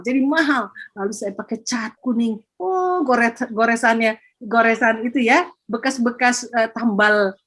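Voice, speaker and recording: An older woman, a grandmother and education coordinator, telling lively stories with acted quotes during a conference talk. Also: fairly high pitch.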